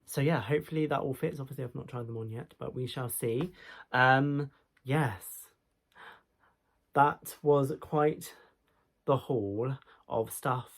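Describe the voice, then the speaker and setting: In a small bedroom, a young man vlogs a casual try-on haul of clothes, sounding slightly nasal from a cold. He speaks slowly in a mid-range voice, pausing often, rambling with fillers and restarting sentences as he moves toward and away from the camera mic.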